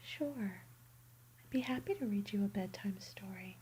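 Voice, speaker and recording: A woman doing a bedtime ASMR roleplay in a soft, soothing whisper. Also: mid-range voice, moderate pace, a little hiss or hum, rough recording.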